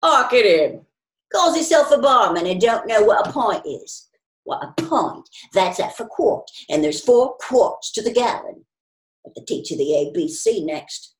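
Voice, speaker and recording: A stubborn old pub regular who grumbles about beer and the past, as a woman reader puts him on. He pushes his voice higher and louder than the narration, gruff and pugnacious. The recording has a roomy echo. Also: expressive, a little slow. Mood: indignant.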